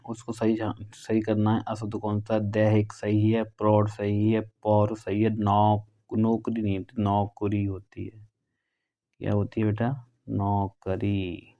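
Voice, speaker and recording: A male teacher from northern India going through exam questions in a brisk, conversational way, drawing out the key words. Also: lowish voice, mellow. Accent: Hindi, northern India.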